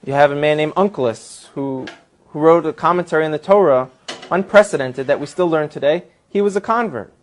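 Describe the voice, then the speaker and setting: A man's voice: a little high, brisk. A man answering as a guest, earnestly explaining and building his points step by step. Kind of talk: explanatory talk.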